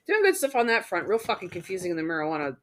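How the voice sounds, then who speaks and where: A podcast co-host in casual chat, lively, with sarcastic asides and casual swearing. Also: mid-range voice, rapid-fire, slight background noise.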